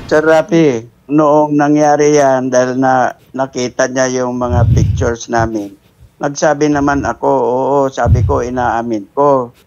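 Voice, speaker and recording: A man's voice: mid-range voice, fairly even intonation, unhurried, darkish tone, soft background music. Defensive man, dull lo-fi sound. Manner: defensive, explaining himself. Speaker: husband answering a complaint.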